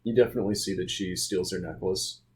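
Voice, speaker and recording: A man with a low voice runs a tabletop game as game master. He narrates casually, with faint noise behind him. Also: steady tone, fast, darkish tone.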